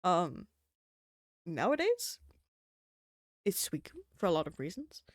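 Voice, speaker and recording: A woman's voice: fairly low pitch, wildly swooping pitch, takes it slowly, no room sound, clean studio sound. A young adult woman streaming, chatting casually in a rambling, profane way, full of fillers. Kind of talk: casual livestream chat.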